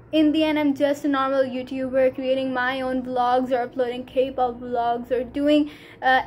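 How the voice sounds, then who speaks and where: Holding her phone camera at arm's length in a small room, a teenage vlogger from Pakistan talks earnestly and casually in Pakistani-accented English, Urdu being her first language. Her voice is high-pitched and her speech halting, riddled with fillers, against slight background noise.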